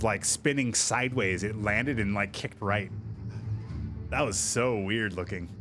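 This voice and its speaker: Chatty male streamer with a lowish voice. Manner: chatty, answers viewer chat, excitable over good shots. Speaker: gaming streamer. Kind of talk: casual livestream game commentary.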